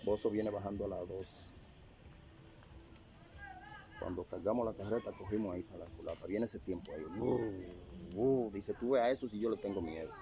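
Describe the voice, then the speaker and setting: Older man telling a halting story. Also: lowish voice, gravelly, noisy background. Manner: halting, repeats phrases as he recalls. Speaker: interviewee sharing a testimony. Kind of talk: casual storytelling.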